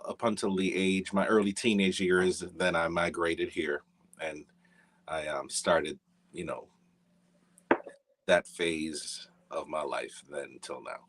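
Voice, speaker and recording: Speaking slowly in a low, steady, slightly bright voice, this middle-aged man from Jamaica is a jazz musician chatting casually as an interview guest. He rambles in a relaxed way with a Jamaican accent, often using fillers and starting over.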